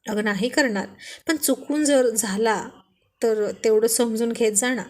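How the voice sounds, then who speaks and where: A woman's voice: a little high, unhurried, natural voice. A woman reading as a teasing young husband.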